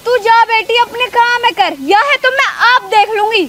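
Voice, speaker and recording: A woman playing a sharp-tongued old village wife, scolding and threatening in a village comedy skit. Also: extremely high pitch. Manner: scolding, threatening, fast insults. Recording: loud background noise.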